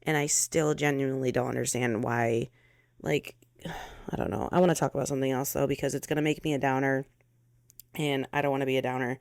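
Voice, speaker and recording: A woman's voice: rumbling low, fairly even intonation, fairly quick, gravelly, darkish tone, no echo, clean studio sound. An American woman hosting her own podcast from her bedroom, venting bluntly and swearing freely in a casual monologue. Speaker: podcast host.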